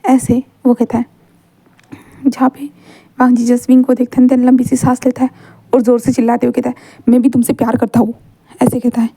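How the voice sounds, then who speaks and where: A woman's voice: a little high, monotone, a little fast, gravelly, long pauses, mellow, husky, no echo, low-quality recording. A woman narrating a fan story casually. She halts and repeats words and uses many fillers.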